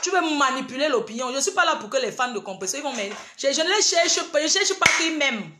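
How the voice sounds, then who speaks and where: A woman's voice: high-pitched, very animated, quick pace, echoey room, over loud music. A woman, ranting on a livestream and scolding her rivals directly. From Cameroon. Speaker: livestream host. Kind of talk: heated livestream rant.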